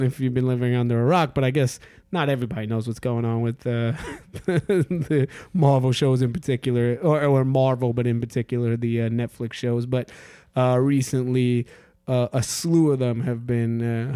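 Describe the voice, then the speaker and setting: A man's voice: medium pitch, steady tone, normal speed, dark tone, clear, resonant tone, no room sound. A man hosting a casual podcast chat, laughing often and talking with many fillers. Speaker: podcast host.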